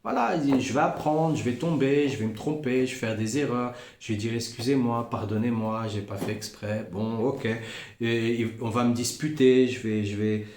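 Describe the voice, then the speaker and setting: A man giving an informal Torah lesson, animated, repeating phrases and acting out little voices. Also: mid-range voice, moderate pace, roomy sound. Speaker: Breslov teacher.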